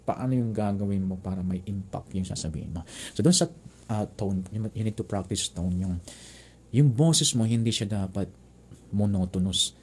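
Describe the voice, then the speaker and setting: A man giving a relaxed talk with practical tips on preaching, speaking in a conversational way that repeats words and phrases. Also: on the low side. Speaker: preaching instructor.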